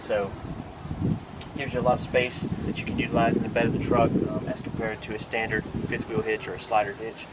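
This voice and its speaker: A man with a mid-range, monotone voice delivers a brisk, informal product walkthrough to camera for his RV vlog. He explains the equipment plainly while standing outdoors next to a pickup truck bed, in very noisy conditions.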